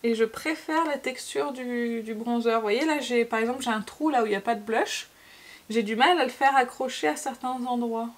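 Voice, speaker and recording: A woman's voice: a little high, normal speed. A woman from France chatting casually through a makeup tutorial, with frequent fillers and repeated words. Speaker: beauty vlogger.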